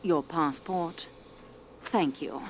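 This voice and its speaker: An actress voicing a polite, formal French woman investigator in a video game, calm and dryly courteous. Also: low-pitched, extremely slow, slight background noise. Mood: cool. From France.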